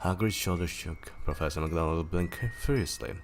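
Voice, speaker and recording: A man's voice: sits low, normal speed, faint music behind. A man streaming live as a storyteller, reading a novel aloud and joking with his chat between passages. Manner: laughs easily and jokes with chat.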